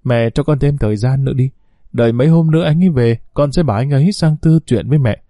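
A man's voice: mid-range voice, fast talker, dark tone, no echo, lightly acted. A man voicing a young pregnant woman begging her mother. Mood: pleading. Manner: pleading. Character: young woman, pleading and stubborn.

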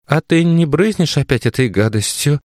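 A man voicing an older mother, hoarse and wheezing, frightened and unsure in an audiobook. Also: on the high side, animated, moderate pace, darkish tone, dry recording, clean studio sound, voice pushed up, natural voice. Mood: fearful. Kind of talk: audiobook character voice.

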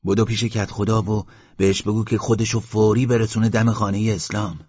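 A man voicing an insistent village elder who shouts and presses questions, in a dull lo-fi audiobook recording. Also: fairly low pitch, flat delivery, husky. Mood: urgent.

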